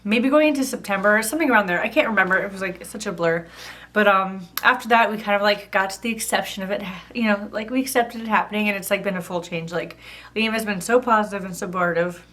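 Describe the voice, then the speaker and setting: A woman's voice: mid-range voice, fast, a bit bright. Chatty thirty-year-old woman vlogging. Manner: chatty, fillers of "like" throughout. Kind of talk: casual personal storytelling.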